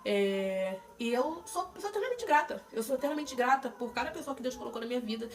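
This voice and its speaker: A woman's voice: on the high side, animated, fairly quick. A young Brazilian woman with a Brazilian Portuguese accent, openly telling her own story in a chatty personal vlog, with fillers and restarts. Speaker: vlogger sharing her cancer treatment. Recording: voice a bit distant from the mic, faint noise.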